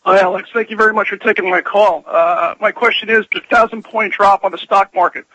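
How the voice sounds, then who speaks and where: Man, radio caller, high voice, husky, bright, polite questioning. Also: steady tone, fairly quick, dry recording, rough recording. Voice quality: raspy. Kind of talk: call-in question.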